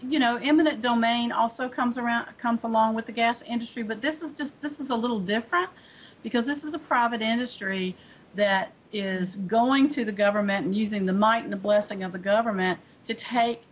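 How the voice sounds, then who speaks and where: A woman's voice: a little high, fairly quick, slight background noise, low-quality recording. A woman speaking as an environmental advocate in a remote news interview, earnest and full of fillers and restarts. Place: remote studio link.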